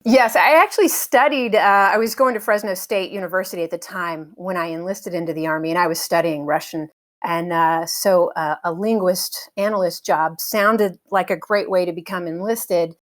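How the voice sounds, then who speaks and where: This is an interview guest from the United States, a middle-aged woman and helicopter pilot whose voice sits slightly low. The chat is casual and conversational, and she stays thoughtful and relaxed, leaning on fillers, little hesitations and light laughter to fill the gaps.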